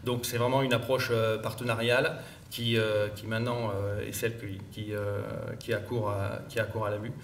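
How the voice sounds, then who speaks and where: A man speaks from some distance from the microphone in a large, echoey conference room, with a faint hum of ambience behind him. He answers questions haltingly, full of fillers and restarts, and keeps clearing his throat because his voice is troubling him. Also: lowish voice, little pitch movement. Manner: hesitant, many fillers and restarts. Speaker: director presenting at a conference.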